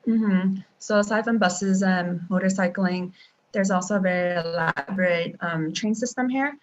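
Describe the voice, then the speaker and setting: This young woman, a traveling teacher, is a guest on a live-stream video chat at her home in Taiwan. She speaks at medium pitch and normal speed, casually and with frequent ums and restarts, and the call audio is dull and lo-fi.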